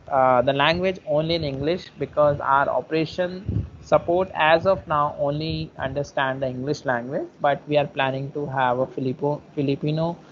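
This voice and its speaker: A man presenting software features in an online webinar. He explains each step in turn and often restates his phrases. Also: on the high side. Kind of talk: online product webinar walkthrough. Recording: muffled webinar audio with faint noise.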